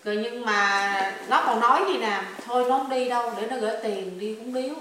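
Hesitant higher-voiced woman. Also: a little fast, a bit bright, recorded from a distance. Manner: hesitant, restarts often. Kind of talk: explaining to a spiritual master. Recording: echoey room, voice from afar, faint noise.

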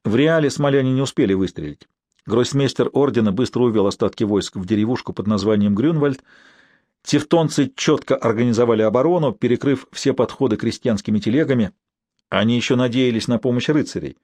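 A man reading a historical adventure story aloud in an even storytelling manner. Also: mid-range voice, a little fast, dry recording, clean studio sound. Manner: even storytelling with quoted dialogue. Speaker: audiobook narrator. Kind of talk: scripted narration.

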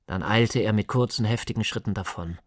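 Measured male narrator, dry close sound. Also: lowish voice, no room sound. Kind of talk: scripted narration in a radio play.

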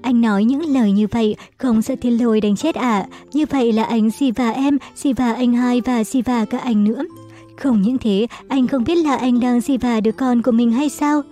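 A woman's voice: fairly high pitch, normal speed, mellow, faint music behind, lightly acted. A woman voicing a frightened, wounded young pregnant wife who pleads and cries for help. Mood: indignant.

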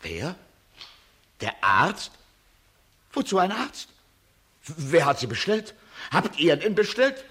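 An actor playing a frantic, excitable radio director in a radio play, talking in an agitated, indignant way. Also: male voice, fairly high pitch, slow pace, long pauses, heavily acted. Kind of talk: 1920s radio play acting.

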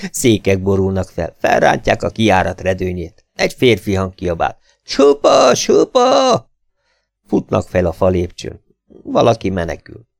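A man reading a novel aloud as an expressive, dramatic audiobook narrator. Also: low voice, gravelly, dry recording.

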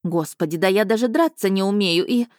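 A nervous young heroine protests and questions in a raised, flustered voice, as a woman reader puts her on. Her tone stays mellow, recorded dry and near. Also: medium pitch, fairly quick, no echo, lightly acted. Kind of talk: audiobook reading.

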